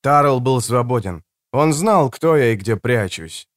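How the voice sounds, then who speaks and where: Man with a lively, dramatic narration. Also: medium pitch, measured pace, no echo, clean studio sound. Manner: dramatic, tense storytelling. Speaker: audiobook narrator. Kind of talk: first-person audiobook narration.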